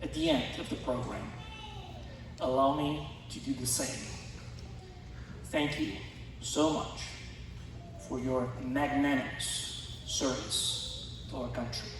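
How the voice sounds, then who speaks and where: A man from Romania giving an earnest, measured formal speech at a school concert. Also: mid-range voice, steady tone, noisy background. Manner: measured, earnest, deliberate phrasing. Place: school auditorium. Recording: distant voice in a reverberant hall.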